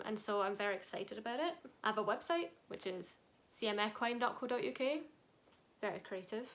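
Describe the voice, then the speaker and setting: A young woman with a Glasgow Scottish accent, introducing her channel as an equine behaviourist in an upbeat, clear and informative way with light self-mocking asides. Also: mid-range voice, fairly bright tone. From Scotland.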